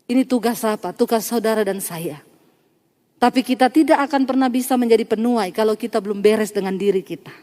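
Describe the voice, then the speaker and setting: High-voiced woman pastor preaching in a hall. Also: brisk. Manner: animated, addresses congregation as Saudara, acts out dialogue. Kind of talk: storytelling sermon. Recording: long church hall reverb.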